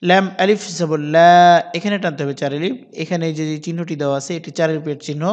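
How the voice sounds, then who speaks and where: A man with a fairly high voice teaches Quran reading in measured steps. He spells out each letter and vowel sign, then recites the words slowly with drawn-out vowels. His voice trails off into a long, ringing reverb. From Bangladesh.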